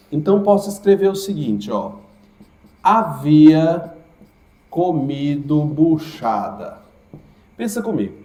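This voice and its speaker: In an echoey classroom, a man with a warm, mid-range voice teaches grammar for exam prep. He asks his students questions and then answers them himself.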